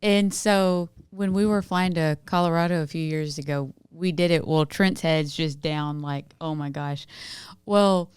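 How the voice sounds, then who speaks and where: A woman's voice: fairly low pitch, fairly even intonation, measured pace, few pauses, darkish tone, clear, resonant tone, no echo, studio quality. A woman, co-hosting a casual podcast and telling stories playfully, laughing through her words. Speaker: podcast co-host. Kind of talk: casual chat.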